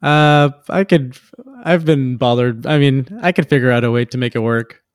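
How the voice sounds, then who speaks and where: A man appears as a podcast guest and talks at an ordinary, middling pitch. He rambles in a loose way, stopping and restarting his thoughts. The recording is close and dry. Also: normal speed, no echo. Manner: loose and rambling, many fillers and restarts, laughs easily. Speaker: guest, tattoo artist. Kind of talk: casual interview chat.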